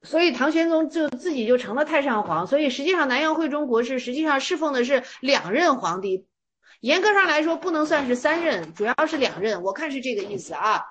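Woman teacher, high voice, casual chatty lecture, rhetorical questions, retells old stories plainly. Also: big pitch swings, a little fast, a little hiss or hum.

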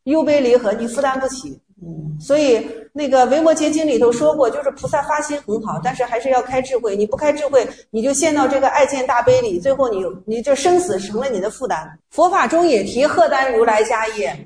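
A woman's voice: high voice, animated, a little fast, few pauses, a little mellow. A woman Buddhist teacher giving a dharma talk, telling stories and acting out quoted lines. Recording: roomy echo.

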